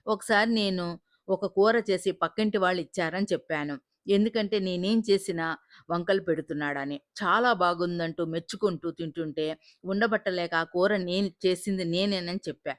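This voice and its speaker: A woman's voice: fairly low pitch, moderate pace, no room sound, clean studio sound. A woman narrating an emotional family audio story in the first person, with a dramatic delivery.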